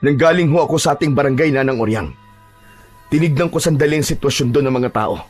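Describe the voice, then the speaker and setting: A man voicing a calm, steadfast village chieftain in a narrated horror audio drama, speaking in a measured, reassuring way. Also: mid-range voice, soft background music, natural voice.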